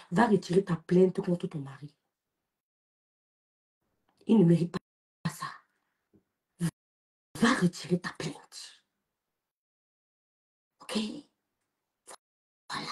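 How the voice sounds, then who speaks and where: Her voice low-ish, warm and slightly rough, a young Cameroonian woman with a French accent hosts a social media live. Animated yet slow, with long pauses, she delivers a taunting rant that scolds and mocks a rival.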